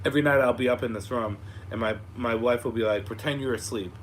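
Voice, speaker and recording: Fast-talking and steady in tone, a young man with a mid-range voice hosts a casual live Q&A for online viewers, swearing freely as he rambles frankly through stories. His voice is slightly raspy and giving out after an illness. He records in an upstairs room at home with clearly audible background noise.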